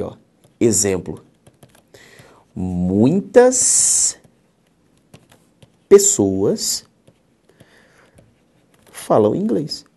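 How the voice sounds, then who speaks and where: A Brazilian-accented man gives an exam-prep grammar lecture with a strongly varied, animated pitch. He is emphatic and keeps asking his viewers whether they are following. His pitch sits in an ordinary middle range. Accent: Brazilian Portuguese. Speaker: grammar teacher.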